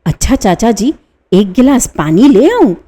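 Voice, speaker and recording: Radio play: obliging young nephew, a woman voicing him, animated. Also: on the high side, a little slow. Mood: eager. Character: eager young nephew, helpful and chatty. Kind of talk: one-reader radio play.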